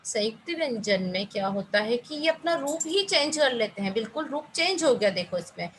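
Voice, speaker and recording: Brief: young female teacher, slightly high voice, patient question-and-answer explaining, faint noise behind. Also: big pitch swings, brisk, a bit bright, poor audio. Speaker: Hindi grammar teacher. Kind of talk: classroom-style lesson to students.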